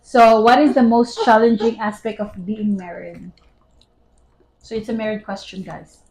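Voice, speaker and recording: A woman chatting casually with her husband over a meal at home, laughing often, with her voice trailing off softly at the ends of phrases. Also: a little high, fairly even intonation, normal speed, noisy background. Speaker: wife and vlog co-host. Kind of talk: casual mukbang chat while eating.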